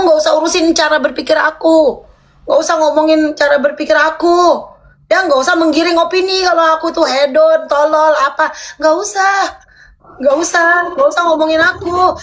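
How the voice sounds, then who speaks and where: A woman's voice: high voice, a bit bright, slight background noise. A woman arguing on a live stream, insistent and repeating her demands over and over. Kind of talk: heated live-stream argument.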